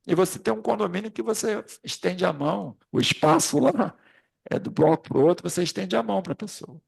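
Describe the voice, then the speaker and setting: Gravelly, husky high-voiced man. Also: expressive, brisk. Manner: rambling, anecdotal, addresses the group directly. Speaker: class facilitator. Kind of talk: informal spiritist study class. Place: classroom at a spiritist center.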